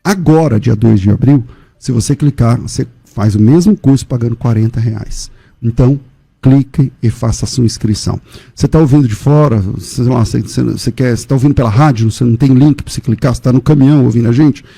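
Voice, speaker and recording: A Brazilian man, a pastor and teacher, making a chatty radio pitch for a course, often correcting himself and speaking straight to listeners in a studio. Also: vocal fry, mellow, husky. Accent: Brazilian Portuguese. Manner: chatty, self-correcting, direct address to listeners.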